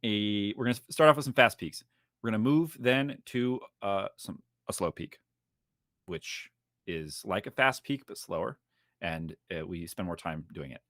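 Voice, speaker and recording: Lower-pitched upbeat male podcast host. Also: no echo, clean studio sound. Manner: energetic, jokey, fast-talking. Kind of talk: casual podcast chat.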